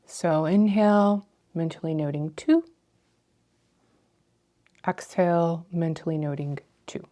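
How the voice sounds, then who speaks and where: Female meditation guide, slightly low register, slow breath counting in short, measured phrases with pauses. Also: warm tone.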